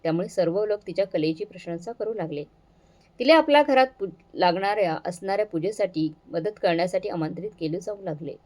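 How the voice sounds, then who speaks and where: A woman storyteller narrating a moral family story in a steady, earnest reading. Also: lowish voice.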